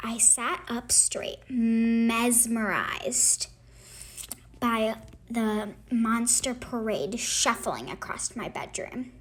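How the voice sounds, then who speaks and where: A woman reading a picture book aloud in an expressive, halting way with emphatic phrasing. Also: on the high side. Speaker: read-aloud host.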